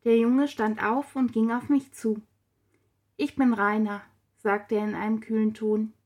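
A woman reads a story aloud in a steady, even way. Her voice sits somewhat high. The narration moves at an unhurried pace. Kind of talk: storybook reading.

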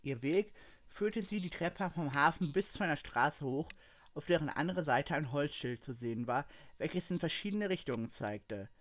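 A man reading a fantasy adventure story aloud in steady narration. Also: a little high, normal speed, dull audio.

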